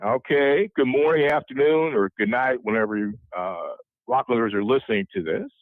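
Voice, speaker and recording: A man hosting a podcast interview, introducing his guest in a warm, halting way with many fillers. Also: medium pitch, no room sound, narrow, tinny audio. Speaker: interview host.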